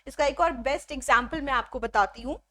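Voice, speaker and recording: Grammar teacher, woman, high pitched, patient step-by-step explainer who keeps checking understanding. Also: sharp tone. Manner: explains step by step, often asks "ठीक है" to check; mixes Hindi with English phrases, slows down on English examples. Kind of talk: exam-prep grammar lesson.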